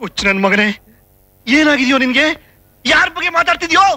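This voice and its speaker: An actor playing an exasperated man who scolds and questions a bumbling helper in an expressive way, in a film comedy scene. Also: very high-pitched, a little fast, no room sound, full character voice. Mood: angry. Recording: film soundtrack with faint music.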